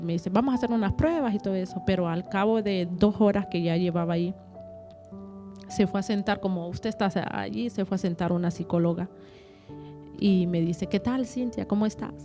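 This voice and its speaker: A woman telling a personal testimony in an interview. She talks haltingly, repeats words and acts out what others said. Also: mid-range voice, fairly even intonation, music in the background.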